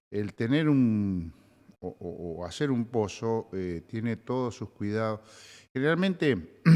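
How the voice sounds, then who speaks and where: An older man from Argentina, a retired official answering interview questions in a halting way, with many fillers. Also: low-pitched, darkish tone, long reverb tail. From Zapala, Neuquén, Argentina. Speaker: retired provincial oil official, guest.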